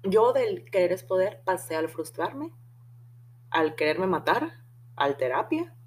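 A woman's voice: lowish voice, very animated, slow pace, a little hiss or hum. A young woman with a Mexican accent, telling a personal story on her podcast in a chatty, slangy way with the odd curse word. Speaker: podcast host. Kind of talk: casual storytelling monologue.

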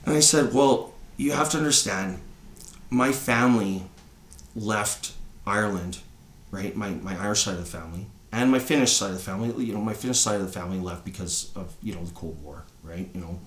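In an echoey room, a thirty-something Canadian man co-hosting a podcast chats loosely and rambles, repeatedly adding "right?" His voice is on the low side with a slightly bright tone.

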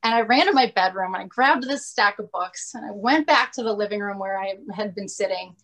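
A woman's voice: medium pitch, brisk, fairly bright tone. A woman podcast co-host telling a personal story in casual chat, candid and confessional, with many "like" fillers. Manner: chatty, many "like" fillers, laughs often.

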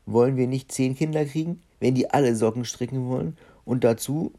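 Man putting on a big bearded robber giant, growling, boastful, dark husky tone. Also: mid-range voice, a little fast, voice pushed up, natural voice.

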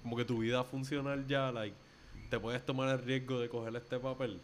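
A man's voice: medium pitch, flat delivery, normal speed, slight background noise. A man with a Puerto Rican Spanish accent, co-hosting a casual podcast chat about films, dropping English words into his Spanish. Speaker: podcast co-host.

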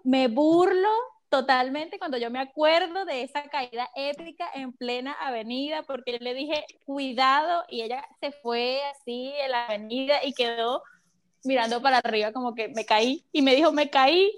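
A woman's voice: high-pitched, normal speed. A woman co-hosting a podcast, chatty and teasing. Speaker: podcast co-host. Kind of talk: casual chat.

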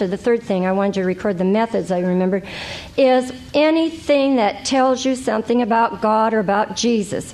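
Middle-aged woman, fairly high voice, lively conversational Bible teacher. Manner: animated, exclaiming "ooh" and acting out prayers.

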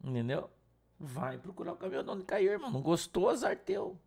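A pastor from Brazil preaching an informal sermon, blunt and scolding, full of slang. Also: male voice, a little high, animated, a little fast, gravelly, a little mellow. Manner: blunt, scolding, slangy, mimics whiny congregants.

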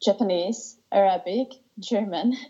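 A young Finnish woman in her twenties chats casually as an interview guest, eager and warm, with light laughs and frequent restarts as she circles back on her sentences. Her mid-range voice is mellow, husky, soft-edged and unhurried, and the recording sounds slightly dull and muffled.

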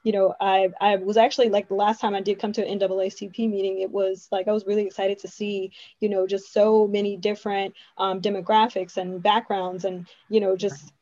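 A woman's voice: medium pitch, little pitch movement, brisk, hardly any pauses, mellow, no room sound, dull audio. A young adult woman hosting an interview, chatting with enthusiasm and lots of "you know" fillers. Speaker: interview host. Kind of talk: casual interview conversation.

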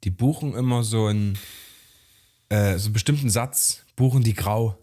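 A man's voice: on the low side, moderate pace, warm tone. A young man on a podcast who tells a story in casual chat, acts out the dialogue and swears freely. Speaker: podcast co-host.

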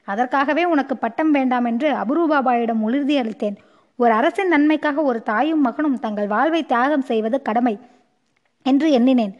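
A proud, grieving queen mother who scolds with impassioned force in an audiobook story, as a woman reads her part. The voice sits high. The recording is dull and lo-fi. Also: lightly acted.

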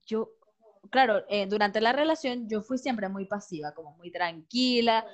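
A woman's voice: mid-range voice, unhurried. A woman in a casual podcast chat, reflecting candidly and telling stories with animation. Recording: dull lo-fi recording.

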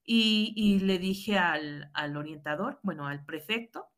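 A high school teacher with a Mexican Spanish accent speaks slowly in a lowish, slightly bright voice. She earnestly recounts a personal story in conversation, reenacting dialogue and often ending with a questioning "right?"

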